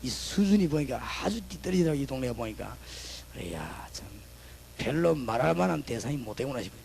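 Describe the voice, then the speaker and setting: A male pastor with a Busan Gyeongsang accent, preaching a sermon and switching between loud proclamations and chatty, joking stories. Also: medium pitch, sing-song, a little fast, creaky, a little hiss or hum, poor audio. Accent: Gyeongsang (Busan) Korean. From Busan, South Korea.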